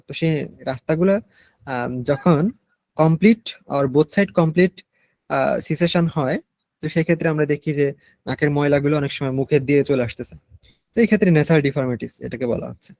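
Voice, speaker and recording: A Bangladeshi Bengali-accented man teaching a nursing class, explaining slowly and mixing in English medical terms. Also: fairly high pitch, darkish tone, no room sound. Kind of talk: online class lecture.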